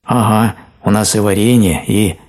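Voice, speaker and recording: A man's voice: on the low side, fairly even intonation, unhurried, darkish tone, voice pushed up, close to an everyday voice. A man voicing a kind, homely young bear cub who speaks in friendly, simple offers.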